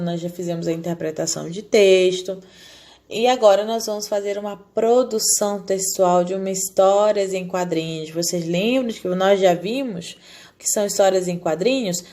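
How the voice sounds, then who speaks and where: A woman teaching a recorded lesson to young children. She explains patiently and keeps asking the class questions, then answers them herself. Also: mid-range voice. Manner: talks down gently to small children. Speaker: primary school teacher.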